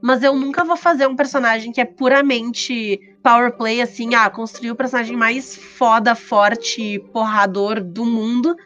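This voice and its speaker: A Brazilian woman chats casually as a podcast host. Her voice sits on the high side. The recording is a little muffled, with faint music behind. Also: fairly even intonation, a little slow, hardly any pauses, fairly bright tone.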